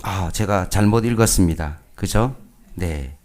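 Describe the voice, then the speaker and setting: A middle-aged male pastor teaching a Bible lesson, reading scripture slowly and asking his listeners questions that he then answers himself. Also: sits low, a little mellow, slight background noise.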